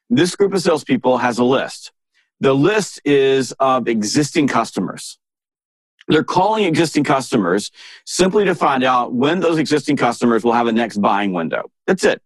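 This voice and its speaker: A man, a sales author guesting on an interview podcast, telling emphatic, animated anecdotes and firing off exasperated rhetorical questions. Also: medium pitch, dry recording.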